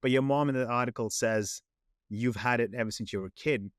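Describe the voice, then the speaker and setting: A man's voice: mid-range voice, clean tone, no room sound, clean studio sound. A man hosting a podcast interview in casual chat, rambling and correcting himself as he goes. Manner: rambling, self-correcting, pace swings between slow and quick. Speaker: podcast host.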